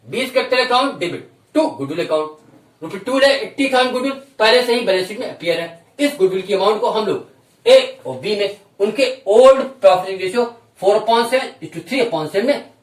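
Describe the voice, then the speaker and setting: A man teaching accountancy, explaining step by step, repeating each point and asking questions aloud, then slowing right down to dictate entries and figures. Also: high voice, far from the mic. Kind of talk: recorded classroom lesson. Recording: roomy echo, voice from off-mic.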